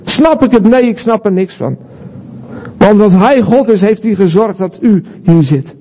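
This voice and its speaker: Male preacher, high but warm voice, earnest sermon delivery. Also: normal speed, breathy edge. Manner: earnest, emphatic repetition, rhetorical questions.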